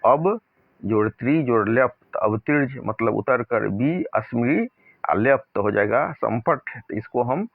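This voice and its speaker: A man teaching a grammar lesson, reading example sentences slowly and deliberately, then explaining them in plain speech. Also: medium pitch, animated, creaky, no room sound. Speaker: Sanskrit teacher. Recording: dry, narrow phone-like sound.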